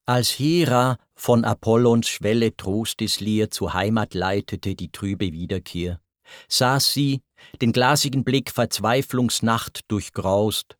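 A man narrating a verse poem in a solemn, deliberate storytelling manner. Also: lowish voice, no room sound, studio quality.

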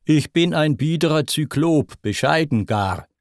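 Man playing a cyclops smith god, mock-humble, sly, slow verse reading. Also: on the high side, lively intonation, no echo, clean studio sound, voice pushed up. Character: plain honest cyclops smith god, falsely modest.

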